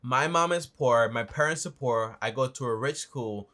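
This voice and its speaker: A man's voice: medium pitch, normal speed, sharp tone. A man hosting a reaction show, chatting casually and rambling, repeating himself and tossing in okay and like. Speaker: host reacting to a video.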